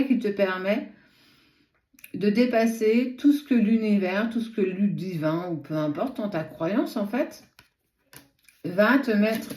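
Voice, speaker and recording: A woman's voice: mid-range voice, darkish tone. A woman with a lisp, her s sounds slushy like sh, giving a spontaneous tarot reading and speaking directly to the listener with frequent asides. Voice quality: lisp with slushy sh-like s from a swollen tongue. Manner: direct second-person address, frequent asides. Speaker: tarot card reader and host. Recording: echoey room.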